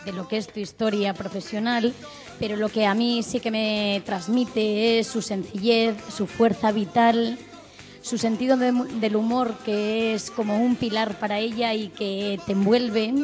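A woman introduces speakers at a round table. She talks haltingly and restarts as she searches for words. Music plays clearly behind her voice. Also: medium pitch, fairly even intonation, a little mellow.

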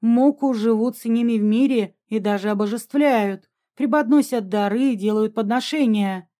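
A woman voicing a calm dragon man who explains things in a hushed, matter-of-fact way in an audiobook. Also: fairly high pitch, normal speed, lightly acted. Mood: explaining.

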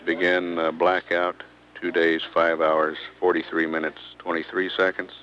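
A man with a very low, flat voice delivers space mission status commentary. He goes haltingly from figure to figure, on a dull, lo-fi feed. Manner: halting, pausing often between figures. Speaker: public affairs mission commentator. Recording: dull lo-fi archival feed, faint noise.

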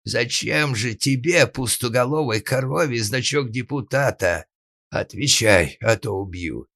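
A man voicing a furious old father in an audiobook, shouting and lamenting in drawn-out cries. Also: medium pitch, no echo, voice pushed up. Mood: raging. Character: furious old male father, bellowing, tyrannical. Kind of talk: audiobook narration.

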